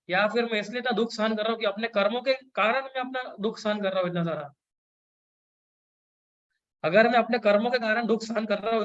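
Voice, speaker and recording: Male lecturer, high-pitched, explains scripture and chants verses slowly; a bit lo-fi. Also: fairly bright tone. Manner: chants Sanskrit verses slowly, mixes English phrases. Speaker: devotional speaker.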